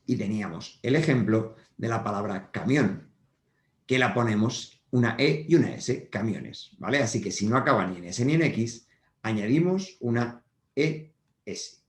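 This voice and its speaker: A primary school teacher gives schoolchildren a patient grammar lesson at the whiteboard, repeating each point and checking in with them often. His mid-range voice is animated and moves at a moderate pace. The room has a noticeable echo.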